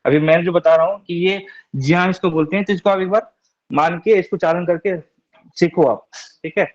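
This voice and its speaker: Young man, online teacher, reassuring and patient, repeats sounds slowly, raised pitch, lo-fi muffled audio. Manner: reassuring, repeats syllables slowly, often asks "theek hai?". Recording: dull lo-fi online class audio.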